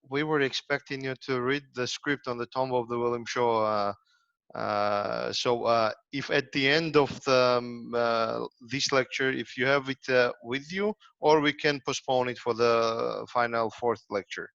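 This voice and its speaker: A man's voice: mid-range voice, fairly even intonation, measured pace, vocal fry, fairly bright tone, clear, resonant tone. A man chairing an online lecture as moderator, speaking hesitantly with many filler sounds over a video call. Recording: dull, dry lo-fi audio.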